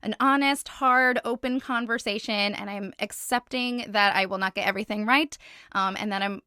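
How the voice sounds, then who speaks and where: A woman's voice: medium pitch, steady tone, moderate pace, sharp tone, clear, resonant tone, no room sound, studio quality. A woman interviewing a guest, asking earnest, carefully worded questions. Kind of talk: candid sit-down interview.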